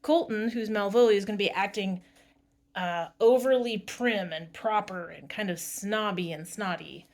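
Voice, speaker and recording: A woman's voice: mid-range voice, moderate pace. A woman teaching a drama class, reading a story aloud with expression and stopping to explain the staging.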